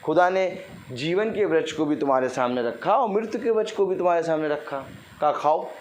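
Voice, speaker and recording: A man's voice: on the high side, animated, a little fast, slight background noise. A middle-aged man preaching a sermon with congregation responses, acting out everyday people with playful mockery and laughter. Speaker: pastor.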